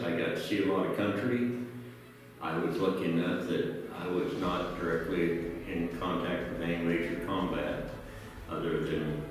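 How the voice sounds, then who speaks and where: An older man, a veteran, recounting his service in a plain, measured way. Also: low-pitched. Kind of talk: interview recollection. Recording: echoey hall, distant mic.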